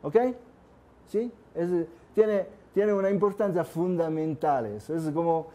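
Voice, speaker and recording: A man's voice: fairly high pitch, unhurried, dark tone. An older man from southern Italy, a native Italian speaker, gives an informal seminar talk to a class and keeps asking the room questions. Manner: conversational, asks the room questions often. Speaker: course speaker.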